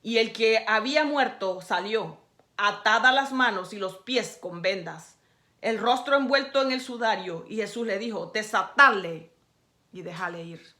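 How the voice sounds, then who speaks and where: A woman preacher delivering a sermon. She speaks straight to the listener, exhorting and scolding. She swings from quiet, low stretches to loud, raised passages. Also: unhurried. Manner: emphatic, exhorting the listener directly.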